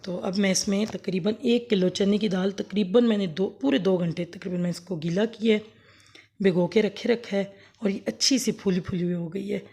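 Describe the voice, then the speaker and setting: A woman with a sore, hoarse throat giving a rambling, homely cooking demonstration for her vlog. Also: medium pitch, steady tone, normal speed, dark tone. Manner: homely, rambling, self-correcting explanations. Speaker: cooking vlogger. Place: home kitchen, later outdoors under a fan.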